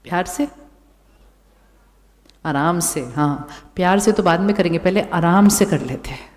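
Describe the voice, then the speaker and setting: A woman giving a calm spiritual talk to a live audience. She keeps asking the crowd questions and repeats her phrases. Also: on the low side, unhurried. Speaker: spiritual speaker. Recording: long hall reverb.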